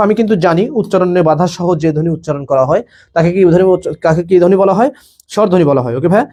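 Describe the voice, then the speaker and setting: A man's voice: on the high side, a little mellow. A young man teaching a live online admission class, quizzing students and repeating each question and answer. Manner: rapid, repetitive, quizzes students, keeps saying "okay bhaiya".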